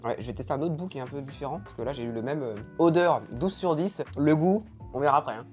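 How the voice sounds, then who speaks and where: Fast-talking, blunt man over music. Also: on the high side, darkish tone. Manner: informal, opinionated, blunt. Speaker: food taster and co-host of a nutrition review. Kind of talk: casual chatty product tasting commentary.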